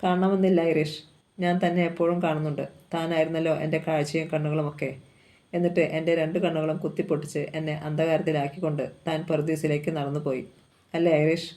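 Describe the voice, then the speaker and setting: Bitter hurt young guy, reproachful, flat mellow voice as the reader does him, audiobook story. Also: medium pitch, fast, lightly acted. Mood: resentful. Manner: reproachful, resentful. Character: bitter young man, hurt former lover.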